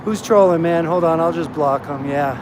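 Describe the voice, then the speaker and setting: A man hosts a casual live stream, chatting upbeat and straight to his viewers while he carries his gear outdoors. His voice sits high for a man. Loud vehicle and street noise from the open lot runs under his phone audio. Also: normal speed. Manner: upbeat, talks straight to chat. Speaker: livestream host. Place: outdoors at a truck stop parking lot. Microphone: handheld phone.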